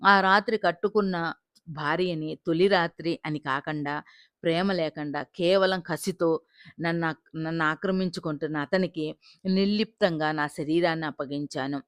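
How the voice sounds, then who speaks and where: A woman's voice: sits low, moderate pace, dry recording, clean studio sound. Dramatic woman narrating an audio story. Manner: dramatic, emotional first-person telling.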